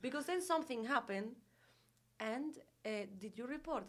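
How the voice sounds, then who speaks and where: A young woman from Venezuela, a podcast guest who tells a story in animated, English and acts out the dialogue. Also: sits high, normal speed. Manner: animated retelling, acts out dialogue, non-native grammar. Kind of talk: casual chat, storytelling.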